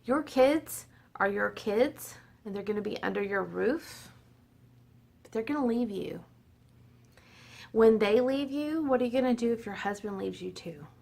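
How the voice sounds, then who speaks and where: Chatty woman in her forties, gravelly voice. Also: on the high side, lively intonation, a little slow, long pauses, darkish tone. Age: 40s. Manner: chatty, laughing, self-deprecating. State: slightly tipsy. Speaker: vlogger. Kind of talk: casual tipsy chat to camera. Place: at home.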